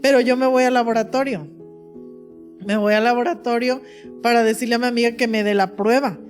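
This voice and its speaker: A woman's voice: on the high side, steady tone, fairly quick, a little mellow, faint music behind. A woman pastor telling her testimony in an interview, emotional and full of fillers. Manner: emotional storytelling with many fillers.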